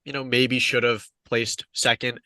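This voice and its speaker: Young guy podcast guest, bright tight voice, rambly, dry close sound. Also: medium pitch, level tone, a little slow, dry recording. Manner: rambling, hedging with "I mean" and "like". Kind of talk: casual chat.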